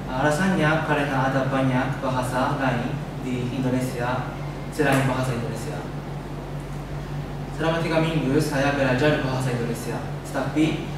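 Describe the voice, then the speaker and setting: A man's voice: medium pitch, fairly even intonation, moderate pace. A young man from Japan with a Japanese accent gives a prepared speech as a foreign student, carefully speaking a language he has learned. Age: young adult. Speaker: exchange student giving a presentation. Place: echoey indoor room. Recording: echoey room, distant mic, loud noise.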